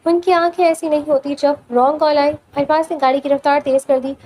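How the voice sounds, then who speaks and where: A woman's voice: sits high, steady tone, a little mellow, poor audio. A woman narrating an audio novel with dramatic storytelling.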